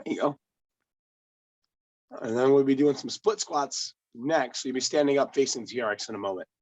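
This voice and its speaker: Hoarse male trainer, patient instructions. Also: mid-range voice, moderate pace, rough recording. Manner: patient step-by-step instructions, laughs easily. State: hoarse, lost voice. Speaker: personal trainer. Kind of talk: remote workout coaching.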